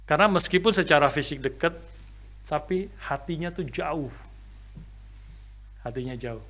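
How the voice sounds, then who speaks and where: A man preaching a sermon in a church, emphatic, with frequent fillers and sudden rises in loudness. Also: on the high side, expressive, a little slow. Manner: emphatic preaching with many fillers and rising shouts. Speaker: pastor. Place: church sanctuary.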